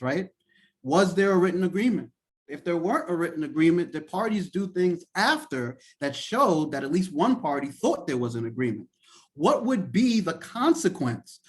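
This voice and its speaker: Prof from trinidad and tobago doing q&a on a video call, encouraging, chatty. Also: male voice, on the high side. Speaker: professor and lawyer. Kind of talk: live Q&A in an online class.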